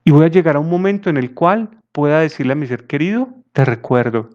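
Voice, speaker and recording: A man's voice: on the high side, a little fast. A man giving a conversational talk on grief as a psychologist, acting out little dialogues as he goes. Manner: animated, acts out little dialogues. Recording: dull lo-fi audio.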